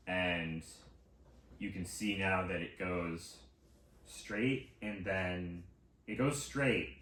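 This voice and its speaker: A man narrating as game master in a slow, halting way with many pauses and fillers. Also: deep voice, fairly bright tone. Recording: roomy, distant mic with faint hiss.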